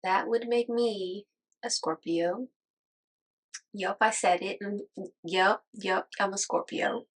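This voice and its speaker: Taking it slowly and pausing often, a thirty-something YouTuber from Las Vegas speaks in a mid-range voice with fairly even intonation over rough audio. It's a casual get-to-know-me vlog, and she frequently laughs, entertained by what she says.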